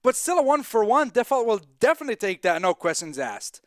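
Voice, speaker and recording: A man's voice: very high-pitched, big pitch swings, fast talker, fairly bright tone, dry recording, clean studio sound. A man doing live play-by-play commentary on an esports match, with playful, teasing banter toward his co-caster.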